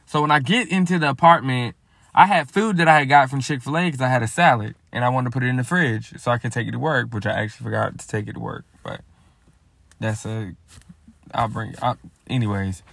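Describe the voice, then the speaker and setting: A man telling a story to his viewers in a casual, lively, slangy way. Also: medium pitch, brisk, creaky, no room sound. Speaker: vlogger.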